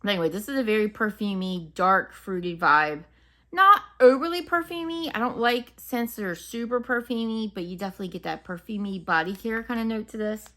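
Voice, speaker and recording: Her voice is medium-pitched, brisk and sharp as she casually reviews wax melts. The home fragrance reviewer muses and chats about each scent in an unscripted product review.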